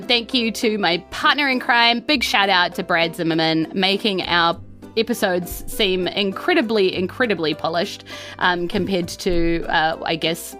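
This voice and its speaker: A New Zealand-accented woman hosts a tabletop game podcast as game master, rambling informally and poking fun at herself. Her mid-range voice is bright and forceful. It's a casual live-streamed game narration with a chatty sign-off, with faint music behind her.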